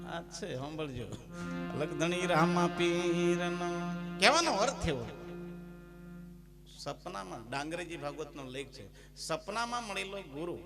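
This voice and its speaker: A man with a Gujarati accent giving a devotional talk in a folksy, humorous storytelling manner, breaking into sung verses. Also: a little high. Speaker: bhajan singer and spiritual storyteller. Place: devotional gathering with live music. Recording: music playing behind. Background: instrumental music.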